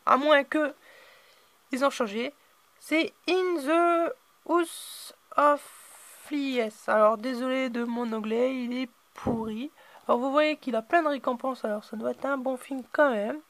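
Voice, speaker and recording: A man hosting a casual unboxing video, hesitant and filling his pauses with "euh" and "voilà". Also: extremely high pitch, steady tone, a bit bright.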